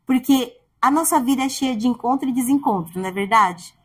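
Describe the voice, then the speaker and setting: A woman preaching a heartfelt sermon in a conversational way, growing soft and quiet at tender points. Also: fairly high pitch, brisk, breathy edge. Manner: heartfelt, conversational, speaks softly at tender moments. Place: church.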